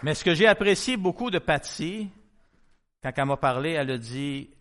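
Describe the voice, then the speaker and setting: A middle-aged man with a Québécois French accent preaches in a church setting. He tells his story as a lively testimony and acts out everyone's words along the way. His voice sits somewhat high for a man. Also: normal speed, crowd noise, noisy background. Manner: lively storyteller who acts out quoted dialogue. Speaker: pastor. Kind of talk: testimony-style sermon storytelling.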